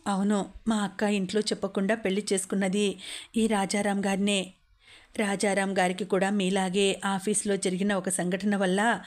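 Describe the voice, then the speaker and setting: A woman's voice: mid-range voice, natural voice. A woman voicing a caring, apologetic young wife who talks in a soothing, pleading way.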